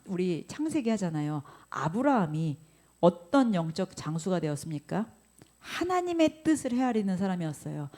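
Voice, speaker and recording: Animated woman pastor preaching. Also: on the low side. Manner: animated, acts out grumbling quotes, questions the congregation. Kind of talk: sermon.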